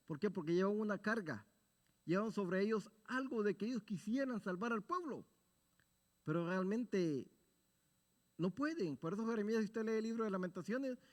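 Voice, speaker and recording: A man teaching a Bible study sermon in an earnest, exhorting tone, asking his listeners rhetorical questions and answering them himself. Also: high-pitched. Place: church sanctuary. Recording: long reverb of a church hall.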